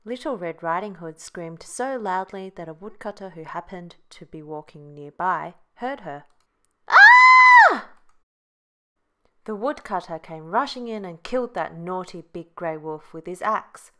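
A woman narrating a children's bedtime story in a gentle, measured read-aloud manner. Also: lowish voice.

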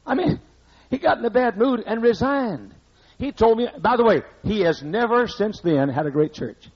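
A man's voice: sits high, lively intonation, moderate pace, breathy edge. An older man preaching a sermon as pastor in a church, blunt and conversational, scolding the congregation with asides, on a muffled old recording. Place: church sanctuary.

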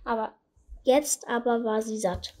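A woman reading a Christmas fairy tale aloud in a calm, soft storytelling manner. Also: a little high, unhurried, slight background noise.

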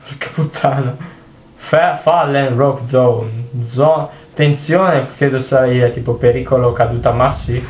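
Excitable swearing gamer, roomy sound. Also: male voice, mid-range voice, a little slow. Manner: excitable, swears constantly, cries out at the game. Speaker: gameplay commentator. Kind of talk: casual let's play commentary. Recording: roomy home recording, faint noise.

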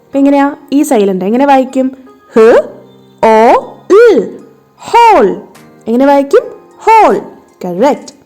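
A patient woman tutor with a Malayali accent coaxes children through words one letter at a time. Her voice sits a little high yet sounds mellow and warm. Soft music plays faintly behind her. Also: animated, normal speed, long pauses. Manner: patient, coaxing, spells words out letter by letter and checks understanding. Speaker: English tutor. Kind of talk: online lesson for children. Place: home tuition setting.

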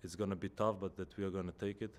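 Deep flat-voiced footballer. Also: male voice, very fast. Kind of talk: post-match press conference answers. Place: indoor press room. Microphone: table microphone in front.

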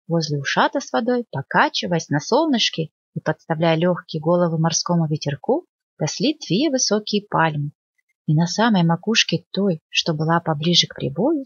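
A woman librarian reading a children's fairy tale aloud in an expressive storytelling manner. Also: breathy edge, no room sound. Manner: expressive storytelling, lively pitch. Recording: dull lo-fi dry recording.

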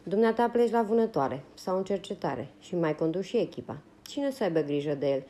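A woman's voice: lowish voice, animated, dark tone, slight background noise, natural voice. A woman voicing a blunt, motherly older woman in a wagon camp, forthright and raised in a storybook reading. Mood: indignant.

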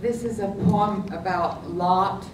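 An older woman, a poet at an open mic, stands at a podium in a library meeting room reading a cheeky, humorous poem. She delivers it slowly but lively, with a playful storytelling lilt. A stand mic and a far camera leave the sound echoey and distant, with a faint rumble.

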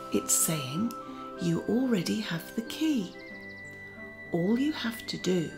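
Over background music, a woman guides children through a meditation in the role of a gentle, kindly magical garden auntie. Her mid-range voice carries some vocal fry and stays soothing, frequently sinking almost to a whisper.

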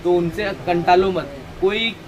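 A man's voice: high voice, unhurried, dull audio, a crowd in the background. A man in his thirties, a shop owner, showing products in a casual chatty way and drifting into preachy asides. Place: crowded housewares shop, indoors. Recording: noisy shop with traffic outside.

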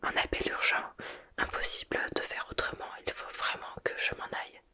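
A woman's voice: normal speed, bright, forceful tone. A woman voicing a vain, evasive middle-aged male wizard professor, whispering hesitantly in a whispered role-play.

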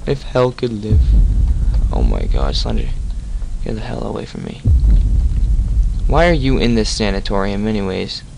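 A man's voice: lowish voice, very animated, normal speed, gravelly, pauses often, background noise. A young man hosting a horror game let's play, jumpy and jokey, talking back to the game. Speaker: gaming channel host.

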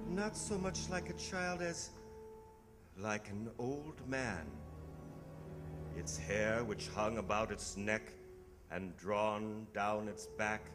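A man narrating a live radio drama from a script in a measured storytelling manner. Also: on the low side. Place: on a theatre stage. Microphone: stand microphone with pop filter. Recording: hall reverb under loud music. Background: loud music.

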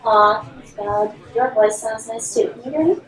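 A woman's voice: on the high side, fairly even intonation, normal speed. A woman co-commentating on a live stream who sounds like she is talking on a cell phone speakerphone, chatty and apologetic about her setup. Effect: sounds like a speakerphone on a cell phone, distant and hollow. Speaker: co-commentator on a card game stream. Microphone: faulty remote mic setup. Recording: roomy, far-off speakerphone sound.

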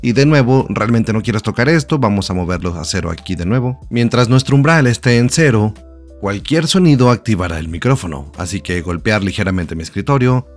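A man giving a step-by-step voice-over for a tech tutorial, calm and explanatory as he walks through the settings one by one. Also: on the low side, fairly quick, faint music behind.

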